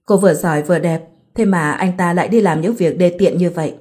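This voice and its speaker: A woman's voice: lowish voice, fairly quick, darkish tone, lightly acted. A woman voicing gossiping older neighbor women who speak in a chatty, indignant way.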